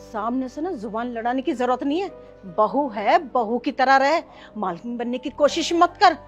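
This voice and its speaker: A woman playing a bitter, contemptuous grandmother and mother-in-law who scolds her family with sharp commands, in a family short film. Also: sits high, expressive, normal speed, muffled recording, faint music behind. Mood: scolding. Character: harsh, bitter grandmother who scorns girls.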